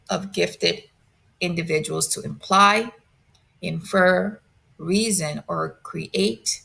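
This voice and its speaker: A woman presenting a lecture, reading a prepared script in a measured, deliberate way. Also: on the low side, creaky, fairly bright tone.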